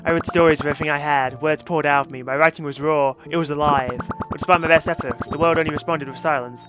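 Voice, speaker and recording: A man reading game dialogue as a smug female CEO villain, slow, theatrical and condescending in a menacing monologue. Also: a little high, fairly even intonation, over music, lightly acted. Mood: theatrical, reflective.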